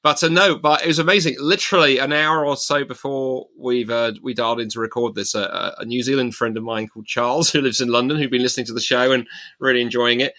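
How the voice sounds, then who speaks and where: A man hosting a casual podcast chat, playful and fond of puns, speaking haltingly with many fillers. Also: medium pitch, fairly even intonation, bright, forceful tone. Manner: hesitant, many fillers and restarts. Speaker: podcast host.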